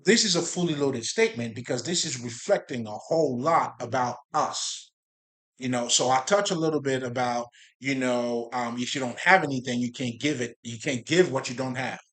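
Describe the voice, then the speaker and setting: A Haitian man who makes spiritual videos speaks in a mid-range, slightly bright voice at a moderate pace. Talking casually and profanely to viewers, he rambles about spirituality and keeps breaking off to laugh and repeat himself.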